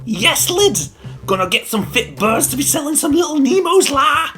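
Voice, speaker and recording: A man voicing a rowdy young Liverpudlian lad in a loud, high, brash Scouse accent. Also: sing-song, normal speed, faint music behind, exaggerated voice.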